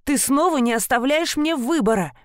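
A woman's voice: high-pitched, expressive, moderate pace, no echo, clean studio sound, voice pushed up. Woman voicing an upset young sister. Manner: emotional, rising and pleading. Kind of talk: audiobook character voice.

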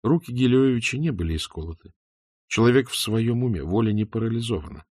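A man narrating a novel in a scripted, expressive reading. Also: medium pitch, fast, slightly rough, no room sound, clean studio sound. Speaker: audiobook narrator.

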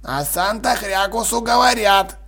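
A man voicing a hushed, dry-spoken old uncle in an audiobook. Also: high voice, expressive, unhurried, husky, exaggerated voice.

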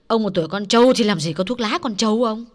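A man's voice: high voice, fast, pitched above the performer's own voice, lightly acted. A man voicing a woman housekeeper who teases her easygoing employer. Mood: teasing. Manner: teasing.

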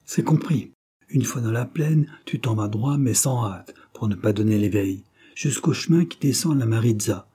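A man voicing a stubborn old male rebel farmer in a storybook reading, gruff and urgent. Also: medium pitch, normal speed, mellow, natural voice.

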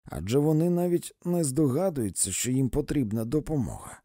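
A man's voice: medium pitch, big pitch swings, normal speed, warm tone, dry recording, clean studio sound, voice pushed up. A man reading an earnest old man pleading. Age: older. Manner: earnest, persuasive.

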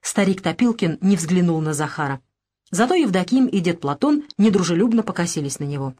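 Steady woman reading a novel aloud. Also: lowish voice, a little fast. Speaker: audiobook narrator. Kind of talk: scripted narration.

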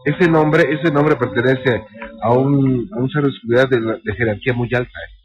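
A man's voice: medium pitch, normal speed, muffled recording. A male radio host on a call-in show who asks a caller short, probing follow-up questions.

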